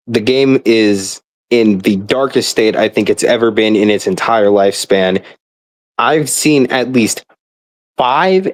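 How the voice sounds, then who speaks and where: A young man with a mid-range, slightly mellow voice rambles casually about a video game. He sounds exasperated and emphatic, swearing often as he vents like a frustrated gamer.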